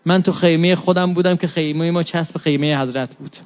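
A man's voice: fairly high pitch, steady tone. A man preaching a mourning sermon, reciting Arabic lines and then explaining each one in Persian. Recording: dull lo-fi recording.

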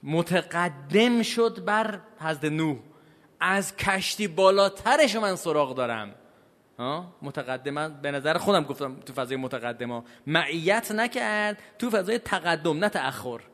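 A man from Iran giving a religious lecture to a live audience. He asks the listeners questions and answers them himself, and he moves between slow, stressed points and quick asides. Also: fairly high pitch, animated. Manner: pace and loudness swing widely, from slow stresses to quick asides. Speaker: cleric giving a religious talk. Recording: long hall reverb.

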